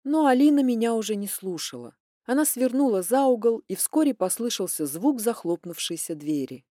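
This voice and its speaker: Mellow-voiced woman narrating an audiobook. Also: fairly high pitch, normal speed, no echo, clean studio sound. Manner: expressive, dramatic storytelling. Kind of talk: first-person audiobook narration.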